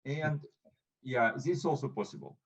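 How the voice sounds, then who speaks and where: A man giving an academic conference talk over a video call, speaking in a halting, hesitant way with frequent pauses. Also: medium pitch, gravelly, rough recording. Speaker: invited speaker.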